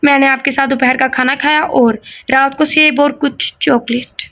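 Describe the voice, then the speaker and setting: A timid, tearful young woman in an audio novel, hesitant and pleading, as a woman reads her. The voice is high-pitched. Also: fairly even intonation, moderate pace, fairly bright tone.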